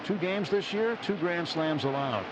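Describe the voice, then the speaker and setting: A male radio announcer calls baseball live from an outdoor ballpark broadcast booth, his voice high-pitched and at normal speed. The dull radio broadcast is very noisy, with loud stadium ambience all around.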